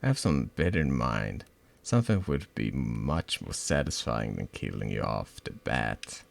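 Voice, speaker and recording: This is a spiteful teenage girl who turns on her friend in a role-playing game, put on by a man. She mocks and threatens in a cold, unhurried way. The voice sits extremely low and rough, with lively swings in pitch. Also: full character voice. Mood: menacing. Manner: taunting, cold and menacing.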